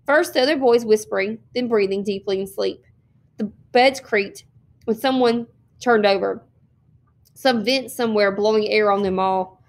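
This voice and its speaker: A woman's voice: medium pitch, moderate pace. Woman reading a story aloud. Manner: steady, expressive reading with occasional slips. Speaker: teacher reading a novel aloud.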